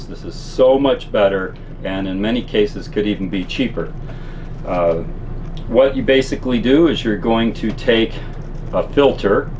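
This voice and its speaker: Male RV vlogger, lowish voice, folksy explainer doing a casual demo inside a small camper, clear background noise. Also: a little mellow. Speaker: presenter of RV living gear tips. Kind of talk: casual product demonstration. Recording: constant air-conditioner-like background noise.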